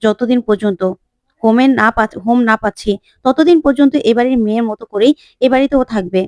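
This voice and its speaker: A woman's voice: on the high side, brisk, a little mellow, dry recording, natural voice. Casting: woman doing a stern protective father figure, lecturing, dry close. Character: stern protective man of the house.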